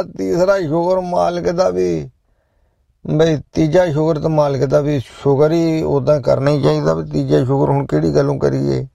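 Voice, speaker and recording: A middle-aged male host with a deeply gravelly, heavily fried voice, his tone dark and mellow, heard dry and close. He talks loudly and at length to his listeners, joking one moment and preaching the next. It comes across as a casual live chat between songs. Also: no room sound, muffled recording. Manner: loud, preachy, jokey, talks directly to listeners. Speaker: show host.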